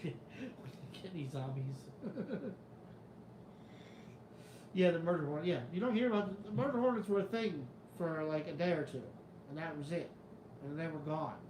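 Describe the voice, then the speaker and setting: Reading out his live chat, this New York-area show host speaks at a normal speed with a fairly high pitch and lively intonation, pausing often. His New York Italian-American accent drifts in and out as he rambles, swears freely, and sounds skeptical, all in an echoey room with background noise.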